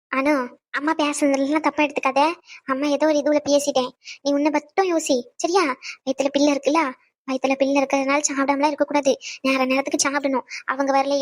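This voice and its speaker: A woman's voice: high-pitched, close to an everyday voice. A woman playing a fussing, anxious cartoon mother. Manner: pleading, fussing, repeating herself. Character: anxious loving mother of a pregnant daughter, middle-aged.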